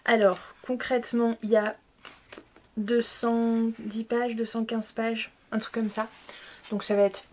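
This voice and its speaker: A woman's voice: a little high, level tone, unhurried, slight background noise. A young woman with a French accent chatting casually to camera about books she bought, full of fillers, restarts and self-mocking asides. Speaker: book vlogger.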